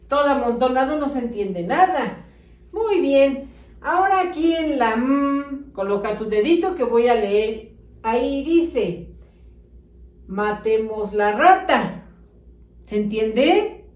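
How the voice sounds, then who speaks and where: A woman teaching young children to read and write, dictating words slowly and clearly, gently praising and coaxing them, with a Mexican Spanish accent. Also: on the high side, animated. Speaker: primary school teacher. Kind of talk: slow, patient early-literacy lesson. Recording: echoey room, voice a bit far from mic.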